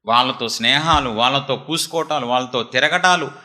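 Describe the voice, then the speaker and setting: Forceful, sharp-voiced male preacher. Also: medium pitch, brisk. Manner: emphatic, scolding, many rhetorical questions. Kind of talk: sermon.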